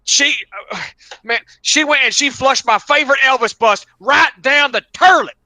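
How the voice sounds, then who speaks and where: A man's voice: very high voice, moderate pace, sharp tone, no echo, pitched above the performer's own voice, full character voice. A man voicing a rambling, stammering middle-aged caller with a who keeps repeating his words. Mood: frantic, rambling. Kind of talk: comic impression in a podcast story.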